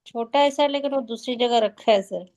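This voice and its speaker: Polite female student, high voice, brief replies on a call. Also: normal speed, darkish tone. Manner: polite, addresses teacher as sir. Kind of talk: answering on a video call.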